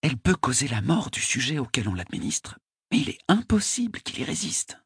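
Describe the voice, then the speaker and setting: A man reading an audiobook, voicing a sharp, commanding noblewoman who interrogates a prisoner, in a husky falsetto. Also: sing-song, brisk, no echo, clean studio sound, heavily acted. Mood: probing. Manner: imperious, urgent questioning. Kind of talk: audiobook character voice.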